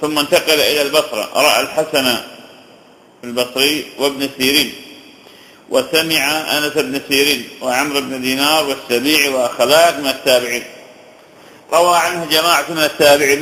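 A man giving a religious lesson, reciting long lists of scholars' names and slowing down to stress key points. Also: medium pitch, a bit bright, roomy sound, rough recording. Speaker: hadith teacher. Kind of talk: religious lesson on hadith narrators.

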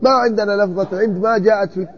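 A man teaching grammar in a classroom, questioning students and repeating word forms slowly. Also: high voice, steady tone, muffled recording, a little hiss or hum. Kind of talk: classroom text study.

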